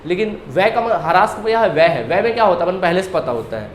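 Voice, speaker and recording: High-voiced male teacher in an echoey room. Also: expressive, a little fast, slight background noise. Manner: questions students and answers himself, repeating key terms. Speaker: accountancy teacher. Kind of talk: classroom lecture.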